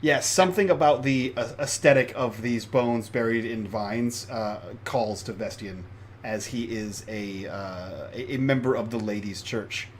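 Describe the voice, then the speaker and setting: A man's voice: medium pitch, unhurried, slight background noise. A man chatting casually as a player at a tabletop game.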